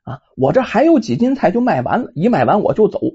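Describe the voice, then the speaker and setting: A woman voicing a kind, dutiful young village girl who speaks softly and earnestly. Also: mid-range voice, big pitch swings, fast talker, breathy edge. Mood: gentle. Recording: dull lo-fi recording.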